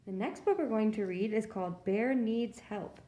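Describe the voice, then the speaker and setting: A children's librarian reads picture books aloud to preschoolers, telling the stories expressively and adding little asides for her young audience. Her voice is medium-pitched and warm at a moderate pace, in an echoey room.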